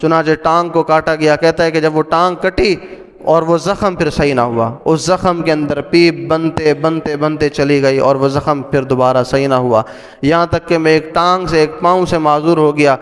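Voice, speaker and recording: A man's voice: on the high side, fairly even intonation. A male Islamic preacher giving an emphatic storytelling sermon. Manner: emphatic, acts out quoted speech. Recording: long hall reverb.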